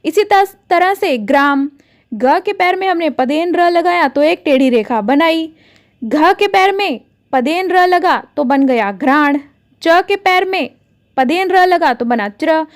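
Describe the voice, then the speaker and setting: High-voiced woman teaching children. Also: animated. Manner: patient, explains slowly and addresses children directly. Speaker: Hindi teacher. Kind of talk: classroom lesson for children.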